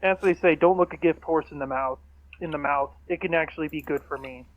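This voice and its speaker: Guy chatting over a tabletop game, highish voice, kinda lo-fi mic. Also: fairly quick. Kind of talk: casual game chat. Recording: slightly dull lo-fi mic.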